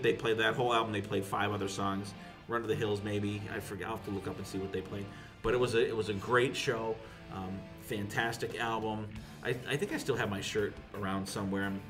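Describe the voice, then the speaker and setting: A man co-hosting a casual podcast chat, telling rambling, profane anecdotes. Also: fairly low pitch. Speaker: podcast co-host.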